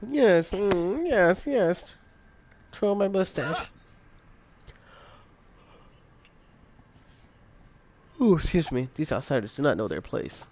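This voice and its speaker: A pompous lord of a gambling town in a fantasy game, read aloud by a man. He is haughty and easily indignant, with halting phrasing. Faint noise sits on the recording. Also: sits high, big pitch swings, a little mellow, heavily acted. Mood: smug. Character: pompous, scheming male master of a gambling town.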